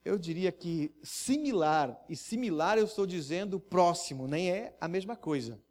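A man preaching a sermon, acting out quoted voices and swinging from hushed asides to loud, emphatic lines. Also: high voice, animated, normal speed. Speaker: pastor.

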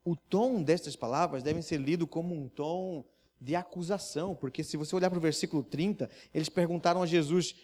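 Man, high-pitched preacher, dramatic sermon delivery, hushed then loud, acts out voices. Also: brisk. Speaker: pastor.

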